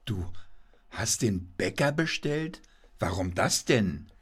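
A man's voice: fairly low pitch, sing-song, takes it slowly, fairly bright tone, breathy edge, exaggerated voice. A man voicing Kasper, a mischievous puppet husband who teases his wife by mishearing her, in a puppet play. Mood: teasing. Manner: playful, feigns mishearing, whiny when scolded.

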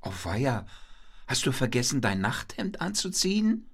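A man's voice: medium pitch, sing-song, measured pace, breathy edge, heavily acted. A man voicing Kasper, a mischievous puppet husband who teases his wife by mishearing her, in a puppet play. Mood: sheepish. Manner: playful, feigns mishearing, whiny when scolded.

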